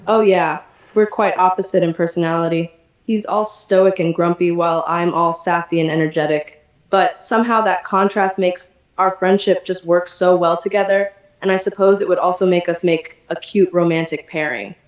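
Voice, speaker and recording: A synthetic text-to-speech woman's voice playing a sassy, energetic female poodle chatbot, chatty and teasing. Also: on the low side, normal speed, reverberant. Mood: playful.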